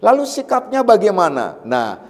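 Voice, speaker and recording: A man's voice: high-pitched, huge pitch swings, normal speed, big-room sound. A man giving a religious study lecture as a Sufi teacher, explaining patiently, repeating key phrases and warning emphatically. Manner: explains patiently with repetition and everyday examples; warns emphatically. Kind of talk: religious lecture on a classical text.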